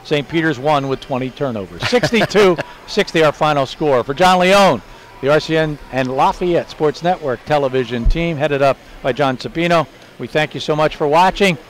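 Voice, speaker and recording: A man hosting a postgame basketball broadcast, reading off final numbers in a brisk stat-reading delivery. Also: on the high side, a little hiss or hum. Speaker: play-by-play broadcaster. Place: basketball arena broadcast booth.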